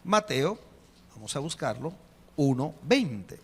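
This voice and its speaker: A man, preaching a sermon as a pastor, emphatic, slowing on key phrases and putting rhetorical questions to the congregation. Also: on the high side, big pitch swings, breathy edge. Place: church hall. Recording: long reverb of a church hall.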